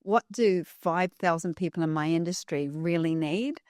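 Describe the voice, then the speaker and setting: A woman's voice: lowish voice, normal speed, a little mellow, no echo, clean studio sound. A woman guest on a podcast, telling stories emphatically and repeating key phrases for effect. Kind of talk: storytelling in an interview.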